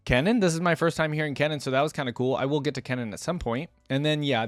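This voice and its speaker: A man with a lowish voice hosts a reaction video, offering informal, conversational commentary. There's no room sound, and faint music plays in the background.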